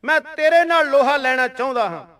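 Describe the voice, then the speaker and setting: A man's voice: extremely high pitch, brisk, sharp tone, far from the mic. A man voicing a furious enemy general who makes boastful threats in verse.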